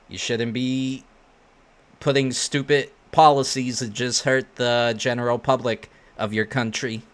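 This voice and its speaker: A man's voice: medium pitch, a bit bright, clean tone. A man hosting online reaction commentary, reading posts aloud and giving opinions in casual, slangy speech.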